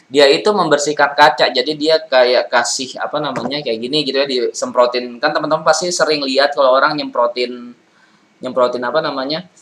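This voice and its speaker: A man's voice: mid-range voice, fairly even intonation, brisk, fairly bright tone, low-quality recording. A man giving business advice in a loose, chatty monologue, full of fillers and restarts. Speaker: property and business consultant.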